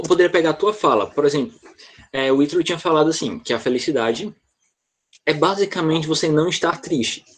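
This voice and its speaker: A man's voice: a little high, breathy edge. A male teacher explaining a grammar point to students on a video call, patient and step by step, often checking whether they follow. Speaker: English teacher. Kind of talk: online class explanation.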